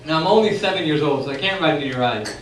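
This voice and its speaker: A young man from Texas telling a funny personal story on stage at a bar, animated and laughing as he goes. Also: on the high side, fast talker. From San Antonio, Texas. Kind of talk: comic personal story told live. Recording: echoey room recording from far off, noisy.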